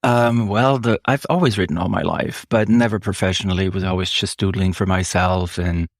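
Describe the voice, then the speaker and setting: A deep, gravelly-voiced man from Switzerland whose first language is German answers interview questions as an author guest. He's measured and reflective, often slowing down and using frequent fillers, in a steady tone. The studio sound is clean with no room sound.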